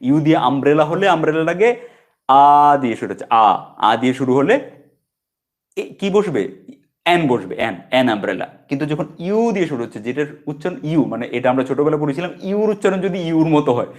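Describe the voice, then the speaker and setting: A man with a Bengali accent and a voice pitched a little above the usual for a man gives an easygoing spoken English lesson. He explains step by step, repeating example words slowly and checking in with "okay". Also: lively intonation. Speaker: English teacher.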